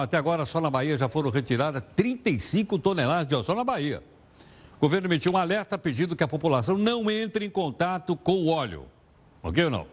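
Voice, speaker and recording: A man presenting the news in a casual, chatty way, asking viewers rhetorical questions. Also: fairly high pitch.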